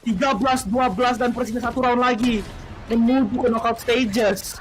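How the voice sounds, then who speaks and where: Hyped Indonesian esports announcer, noisy broadcast. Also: male voice, very high-pitched, fairly even intonation, moderate pace. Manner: hype fighting game announcer delivery; mixes English phrases into speech. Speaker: esports play-by-play commentator. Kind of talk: esports match commentary.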